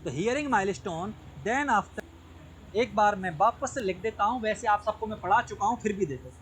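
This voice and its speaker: A man teaches an online lecture, drilling key points, often checking whether students follow, and mixing English terms into his speech. His high, animated voice is fairly bright at a normal speed, though the recording is rough with a little hiss or hum.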